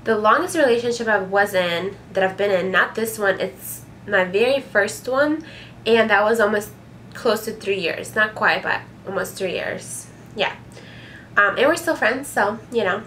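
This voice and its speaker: A woman's voice: medium pitch, moderate pace, a bit bright, a little hiss or hum. A young woman from Ukraine, answering viewer questions in a casual vlog from her bedroom, frank and chatty with lots of fillers and some swearing. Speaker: vlogger. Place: small bedroom, indoors.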